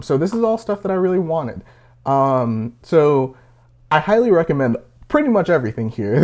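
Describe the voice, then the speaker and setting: A man's voice: mid-range voice, darkish tone. A nineteen-year-old man casually reviewing a pocket knife, rambling with lots of fillers and a little out of breath. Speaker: gear reviewer.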